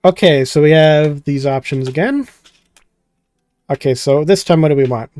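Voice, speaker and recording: Here a man plays host to a visual novel, rambling and joking through his gameplay commentary while reading the game's text aloud and skimming it with filler words. His pitch is fairly high, his voice a little mellow, and he talks at a normal speed with no echo.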